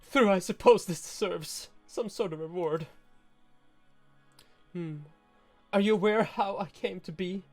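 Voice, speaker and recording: A haughty snake-woman noble with a tragic past, speaking slowly and solemnly, as a man reads her lines. The voice sits a little high. She stays aloof. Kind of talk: reading game dialogue aloud.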